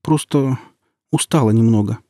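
Man putting on a squeaky, plaintive old mother. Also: normal speed, mellow, no room sound, clean studio sound, natural voice. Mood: weak. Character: frightened older mother, meek and plaintive.

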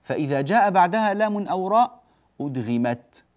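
Slow, mellow-voiced male tajweed teacher. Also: high-pitched, lively intonation. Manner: slow, repeats example phrases several times; writes on a board while teaching. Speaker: Quran recitation teacher. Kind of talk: lecture on tajweed rules.

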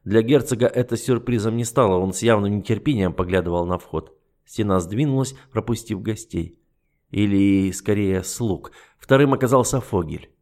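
A man reading first-person fantasy narration in a measured, even storytelling manner. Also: fairly low pitch. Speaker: audiobook narrator.

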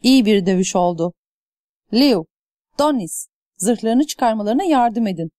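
A woman's voice: fairly high pitch, animated, measured pace, dark tone, dry recording, clean studio sound. A woman voicing a stern old master-at-arms. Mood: firm. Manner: firm, commanding.

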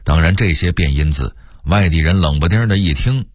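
Deep-voiced man narrating on the radio. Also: expressive, brisk, dry recording, studio quality. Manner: explanatory, imitating local pronunciations. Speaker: storyteller narrator.

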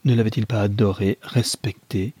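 A man reading a novel aloud in measured, even narration. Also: fairly low pitch, breathy edge, dry recording.

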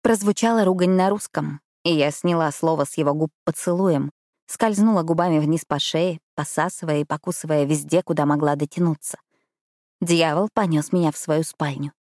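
A woman reading a first-person romance audiobook in a measured, intimate way. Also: deep voice, darkish tone, dry recording, studio quality. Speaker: audiobook narrator.

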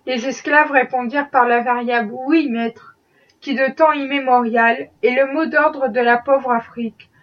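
High-voiced woman reading a novel. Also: steady tone, normal speed, fairly bright tone, highs cut off. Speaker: audiobook reader. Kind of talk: scripted novel narration.

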